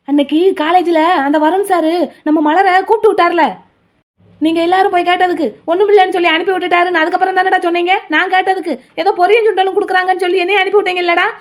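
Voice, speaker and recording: A woman voicing an excitable young male college student who pleads loudly and rambles. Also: very high-pitched.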